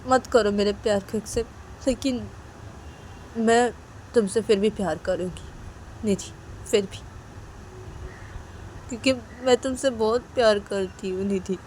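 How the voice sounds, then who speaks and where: A woman voicing a lovelorn young woman who confesses her love in a soft, halting, pleading way. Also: mid-range voice, a little hiss or hum, natural voice, poor audio.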